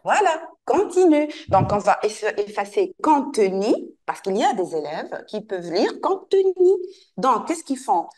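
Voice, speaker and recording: A woman teacher giving an online French lesson to a pupil, patiently repeating and modeling words slowly. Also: mid-range voice, very animated, darkish tone.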